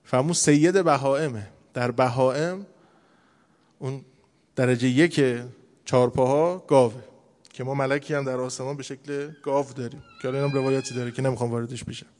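A man giving a casual, conversational religious sermon as a preacher, telling stories and slowing down to recite scripture. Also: mid-range voice, fairly even intonation, a little mellow, long reverb tail.

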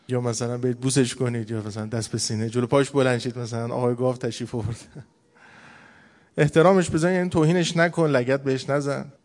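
A male preacher talks through a sermon in an easy, chatty storytelling way, slowing right down whenever he recites scripture. His voice sits at an ordinary middle pitch. A long hall reverb trails after every phrase. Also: darkish tone. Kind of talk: colloquial religious sermon.

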